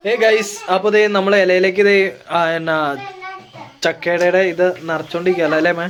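A woman's voice: lowish voice, fairly even intonation, a little fast. A woman vlogger chatting casually to her viewers during a family outing and while cooking, with a lot of fillers. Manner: chatty, addresses viewers directly, many fillers. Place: outdoors near a temple and jackfruit tree, later a home kitchen.

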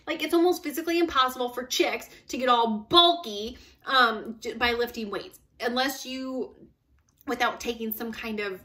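Bright-voiced, chatty woman in her forties. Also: on the high side. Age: 40s. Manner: chatty, animated and emphatic, laughs often. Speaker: fitness coach. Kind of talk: casual direct-to-camera talk. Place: small room indoors.

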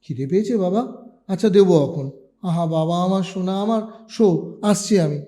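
A man voicing a worried, affectionate village mother who fusses and then coaxes softly. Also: sits high, normal speed, lightly acted. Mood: tender. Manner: fussing, anxious, then softly coaxing.

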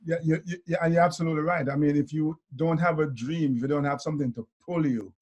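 Brief: male host in his fifties, lively on a video call, slightly high voice. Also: fast talker. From Jamaica. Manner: animated, laughs often. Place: indoor room before a branded backdrop.

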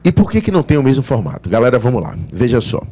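Animated Brazilian physics teacher. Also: male voice, medium pitch, rapid-fire, husky. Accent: Brazilian Portuguese. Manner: animated explanations, voices students' questions. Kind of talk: live exam-prep class broadcast.

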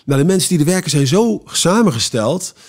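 A man who performs cabaret, telling rambling, animated anecdotes with many restarts in a casual podcast interview. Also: on the high side, a little fast.

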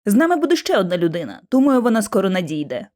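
A woman's voice: medium pitch, sing-song, very fast, darkish tone, lightly acted. A woman reading a confident young agency leader. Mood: brisk.

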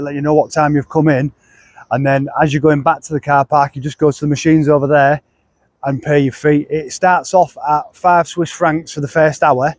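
A man's voice: on the high side, no echo, poor audio. A man narrating a casual travel vlog outdoors. He talks chattily into a handheld camera, rambling with restarts. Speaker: travel vlogger. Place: outdoors at a car park and riverside path.

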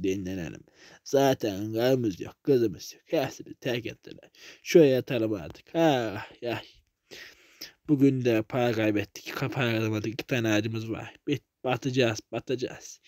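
A young man with a Turkish accent giving loose gameplay commentary, swearing freely and breaking into sudden loud outbursts. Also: mid-range voice, dry recording, clean studio sound. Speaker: gaming YouTuber.

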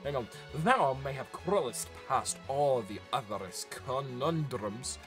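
A man voicing a pompous, menacing male villain in loud, drawn-out, theatrical archaic speech. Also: mid-range voice, expressive, soft background music. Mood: menacing, grandiose. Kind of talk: improvised character voicing during a game stream.

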